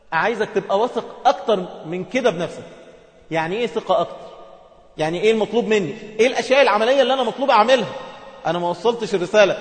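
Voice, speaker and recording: A man with an Egyptian accent giving a communication skills lesson, explaining step by step and acting out short example dialogues. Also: high-pitched. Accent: Egyptian Arabic. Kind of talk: instructional talk to women viewers. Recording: echoey hall with long reverb.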